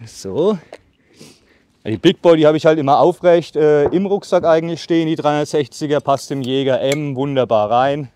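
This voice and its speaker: A bushcraft host in his thirties casually demonstrates a saw outdoors in a leafy meadow by the trees, filling his chatter with fillers and breaking off to saw, slightly out of breath. His voice is on the high side with a darkish tone. He's picked up by a far tripod camera, and there's a little hiss or hum in the audio.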